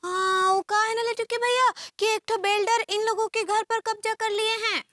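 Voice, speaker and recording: A woman's voice: very high-pitched, steady tone, moderate pace, pushed and bright. An actress playing a simple, innocent village housewife, who mixes up her words. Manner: innocent, sing-song, mangles words.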